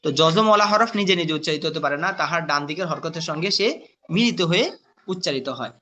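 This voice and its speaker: A man teaching Quran letter reading in a patient classroom lesson, spelling out sounds slowly and quizzing his students with questions. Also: on the high side, pushed and bright, slight background noise.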